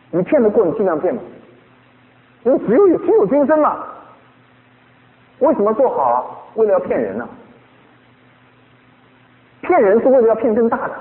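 Animated preaching man, tinny radio sound. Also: high-pitched, big-room sound. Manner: animated preaching full of rhetorical questions. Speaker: pastor. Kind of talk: sermon.

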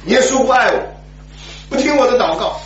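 A man voicing a crippled nine-year-old boy who pleads and wails in a high, loud, insistent voice, heard in an echoey, distant, dull recording. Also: animated, moderate pace, slight background noise. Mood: despairing.

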